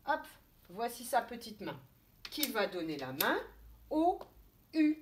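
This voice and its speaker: A woman, a kindergarten teacher giving a slow, step-by-step handwriting lesson to young children. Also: on the high side, sing-song, noisy background. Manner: slow, step-by-step instructions, thinking aloud.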